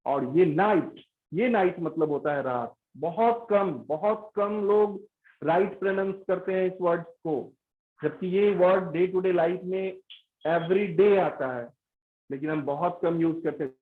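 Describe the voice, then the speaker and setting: A man with an Indian English accent giving an English pronunciation lesson, switching between Hindi and English and repeating example words slowly. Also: high voice. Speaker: English teacher. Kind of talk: classroom lecture mixing Hindi and English. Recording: tinny phone-like sound.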